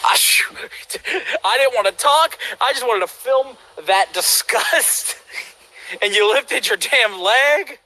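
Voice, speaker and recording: A man's voice: very high-pitched, animated, takes it slowly, sharp tone. A man teasing and laughing while filming a prank at home. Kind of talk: casual home-video banter. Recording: noisy home video.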